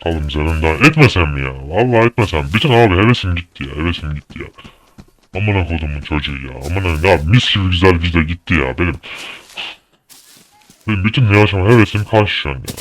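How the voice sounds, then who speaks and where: A young man giving angry gameplay commentary, swearing and shouting at the game in a fury. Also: low voice, animated, fast talker. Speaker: gaming YouTuber.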